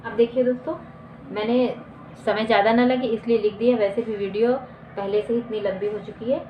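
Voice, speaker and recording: A woman teacher with a somewhat high voice walks her students through a grammar lesson. She asks questions and answers them, and she repeats definitions slowly. The recording is lo-fi and roomy, with a faint hum behind her. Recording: echoey dull lo-fi room recording.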